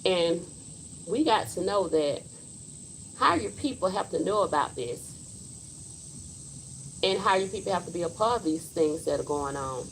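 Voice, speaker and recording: Blunt, low-voiced woman in her forties. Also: animated, unhurried, pauses often, slight background noise, poor audio. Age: 40s. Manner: blunt and emphatic, speaks her mind. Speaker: livestream host. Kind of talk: casual livestream monologue.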